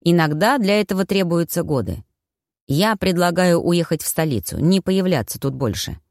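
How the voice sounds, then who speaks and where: A woman's voice: fairly low pitch, lively intonation, moderate pace, darkish tone, no echo, clean studio sound. A woman reading an audiobook, voicing a stern, calculating mother who threatens her son and plans ahead. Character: cold, scheming widowed mother.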